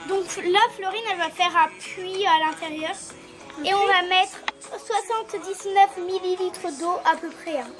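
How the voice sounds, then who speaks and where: A woman's voice: very high voice, fairly even intonation, unhurried, loud music behind the voice. A woman chatting casually through a cooking vlog, explaining each step as she goes. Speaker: vlogger.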